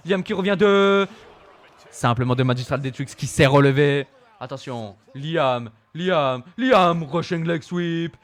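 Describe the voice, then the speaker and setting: Excitable man calling wrestling play-by-play. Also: fairly high pitch, a little slow. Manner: excitable, laughing, bursts into shouts. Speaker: wrestling game commentator. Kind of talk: playful play-by-play commentary.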